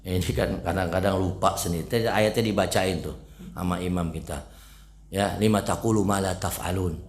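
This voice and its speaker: Low-voiced chatty male preacher. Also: steady tone, moderate pace. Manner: chatty, keeps asking the listeners questions. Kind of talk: casual mosque study talk. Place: mosque.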